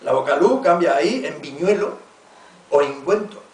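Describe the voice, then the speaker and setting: A man's voice: fairly high pitch, lively intonation, recorded from a distance. Man with a Murcian accent lecturing in an echoey hall. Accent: Murcian Spanish. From Murcia region, Spain. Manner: reads word lists aloud, pauses to enunciate examples. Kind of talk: academic conference talk.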